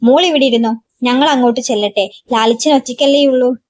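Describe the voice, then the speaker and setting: A wary old great-uncle from a storybook urgently warns his niece, as a woman reads him. The voice sits high and sounds close and dry, with no room around it. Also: a little fast, darkish tone, no room sound, lightly acted. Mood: warning.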